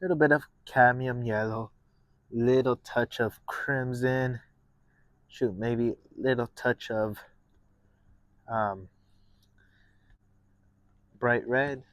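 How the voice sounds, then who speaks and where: Man, gentle painting teacher, unhurried pace, close dry sound, casual step-by-step instruction. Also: medium pitch, steady tone, no room sound. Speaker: painting instructor and show host.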